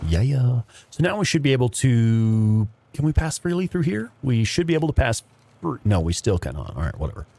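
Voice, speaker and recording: A man's voice: medium pitch, very animated, a little fast, creaky, mellow, no echo. A man hosting a gaming livestream with casual, rambling commentary and some swearing. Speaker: livestream host playing a video game.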